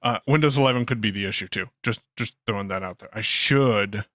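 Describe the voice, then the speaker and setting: A man's voice: lowish voice, a little fast, a bit bright, dry recording, clean studio sound. A man co-hosting a podcast, chatting casually about tech and making sarcastic asides. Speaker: podcast co-host.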